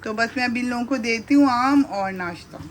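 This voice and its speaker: A woman's voice: on the high side, a little fast, slight background noise. A middle-aged woman chatting casually to viewers as she cooks breakfast in her home kitchen, speaking fondly to her sons, recorded on a handheld camera. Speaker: vlogger and mother. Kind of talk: casual cooking vlog narration.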